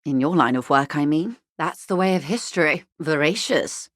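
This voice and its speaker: With lively intonation and a slightly low voice, a woman performs a wry, worldly corporate negotiator in scripted game dialogue, genteel and coolly detached. Her phrasing is measured and precise, ironic in mood. The recording is dry, without echo or room.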